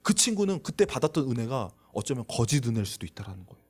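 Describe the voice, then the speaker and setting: In a church sanctuary with faint music behind, a youth pastor with a mid-range, slightly rough voice preaches a youth sermon at a fast pace. He stays lively, acting out quoted voices and putting questions to his listeners.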